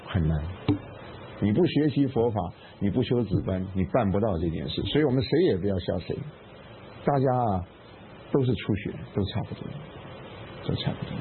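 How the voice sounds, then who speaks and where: A man's voice: fairly low pitch, expressive, moderate pace. A man giving a Buddhist dharma lecture to a class, emphatic, repeating phrases and asking rhetorical questions. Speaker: Buddhist meditation teacher. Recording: narrow phone-like sound with faint noise.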